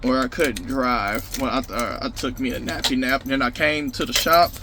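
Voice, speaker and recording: With a medium-pitched voice and fairly even intonation, this man keeps a moderate pace as he runs a casual install vlog about car audio. His talk is informal, full of slang and the odd swear word, and the recording carries noisy car and outdoor phone-video sound.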